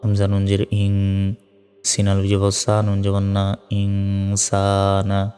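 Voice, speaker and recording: A man teaching recitation in a low, flat and very slow voice, spelling out letters before chanting each verse. His tone is smooth and mellow. Long reverb and faint music sit behind him. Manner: spells out letters and vowel marks, then recites slowly in a drawn-out chant. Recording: reverberant room with soft music.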